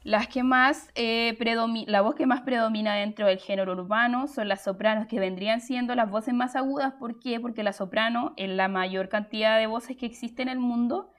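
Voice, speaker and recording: A woman's voice: on the high side, fairly even intonation, moderate pace, hardly any pauses. A young woman hosts a live stream, explaining her points chattily and answering the chat, with frequent fillers and restarts.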